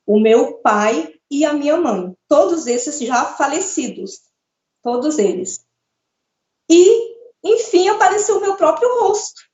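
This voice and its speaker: A middle-aged woman giving an earnest, halting personal testimony, often repeating words as she speaks. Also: sits high. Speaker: interviewee telling a near-death experience. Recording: echoey, dull lo-fi room sound.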